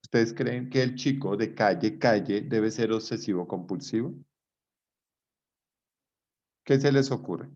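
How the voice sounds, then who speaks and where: In an unhurried delivery full of pauses, a male psychology lecturer with a lowish, darkish voice holds a live class. His tone is conversational, and he checks understanding through rhetorical questions. The recording is dull and lo-fi.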